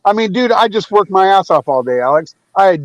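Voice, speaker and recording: A man's voice: high voice, expressive, brisk, a little hiss or hum. A man who works as a plumber, chatting as a guest in a casual, profane, easy-laughing way and often repeating himself. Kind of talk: casual chat. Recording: dull dry lo-fi call audio.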